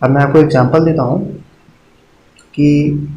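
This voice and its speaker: Guy teaching a grammar class, mid-pitched voice, keeps saying ok, echoey room with a bit of hiss. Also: a little mellow, lo-fi sound. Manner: patient, repeats "ठीक है" often, counts aloud slowly. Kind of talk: exam-prep grammar lesson.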